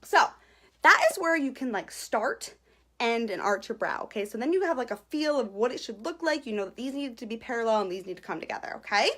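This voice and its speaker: Chatty and a bit nervous, a young beauty vlogger walks viewers through her eyebrows on a casual live stream, naming them as she greets them and closing almost every sentence with "okay?" She comes across giggly and self-conscious, with a fairly high, expressive, slightly fast voice that is bright and forceful.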